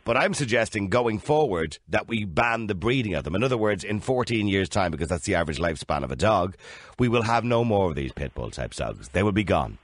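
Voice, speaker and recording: A man's voice: fairly low pitch, sing-song, fairly quick, no room sound. An Irish man hosting a radio phone-in and moderating a live discussion between callers.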